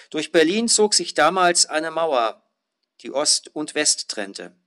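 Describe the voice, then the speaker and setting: Casting male pastor, mid-pitched, measured earnest sermon delivery with emphatic swells. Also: bright, forceful tone. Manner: measured, earnest preaching with rising emphatic phrases.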